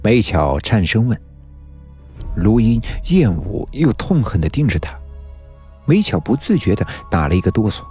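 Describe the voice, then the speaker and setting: A man's voice: fairly low pitch, big pitch swings, normal speed, dark tone, husky. A man narrating a suspenseful story in a tense storytelling manner. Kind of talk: dramatic story reading. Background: faint music.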